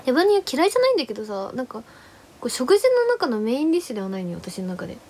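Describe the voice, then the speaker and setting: A woman's voice: a little high, very animated, racing, a little mellow, breathy edge. A young woman chatting casually on a livestream. She rambles about her day and greets viewers one by one. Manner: rambling, chatty, greets viewers, refers to herself in third person. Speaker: livestream host.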